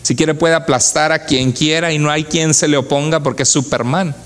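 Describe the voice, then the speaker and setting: Fervent male pastor, somewhat high voice. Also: fairly even intonation, moderate pace. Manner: emotive preaching, asks the congregation rhetorical questions. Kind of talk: sermon.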